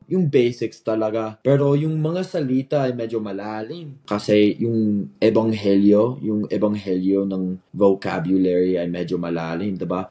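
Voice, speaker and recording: A man's voice: mid-range voice, mellow. A young man from California, a former missionary, chatting casually in learner's Tagalog mixed with English, with hesitant restarts. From California, USA. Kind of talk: casual chat.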